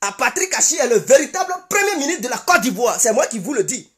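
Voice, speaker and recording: Ivorian woman, political commentator, high voice with wide swings, emphatic and repetitive. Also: big pitch swings, quick pace, fairly bright tone. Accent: Ivorian French. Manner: emphatic, repeats insistent declarations. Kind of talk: impassioned political commentary monologue.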